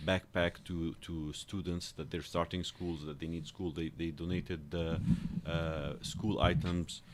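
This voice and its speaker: A man from Lebanon speaks as a talk show guest in a very deep voice, with faint background noise. He talks earnestly, stumbling and repeating his words. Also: flat delivery, a little slow. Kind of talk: casual talk show interview.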